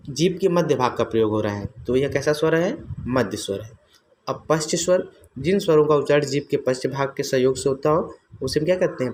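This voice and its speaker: A man's voice: a little high, slight background noise. A man teaching an exam-prep grammar lesson, asking his own questions and answering them, repeating each term.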